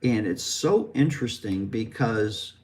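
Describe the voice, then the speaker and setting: A man's voice: on the low side, animated, a little slow, darkish tone. An American man from the West Coast teaching English vowel sounds, explaining patiently and modeling each sound. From West Coast of the United States. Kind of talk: explanatory lesson with demonstrations.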